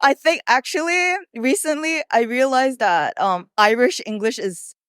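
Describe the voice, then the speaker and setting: Female street interviewee, Singaporean Singlish accent, clear high voice, informal chat. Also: measured pace, a bit bright, dry recording, studio quality. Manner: informal Singlish with tag words. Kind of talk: casual chat.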